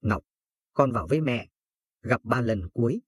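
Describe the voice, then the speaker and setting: A man's voice: medium pitch, animated, slightly rough, no room sound. A man voicing an anguished mother of thirty-five. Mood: grieving. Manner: hurried, urgent commands.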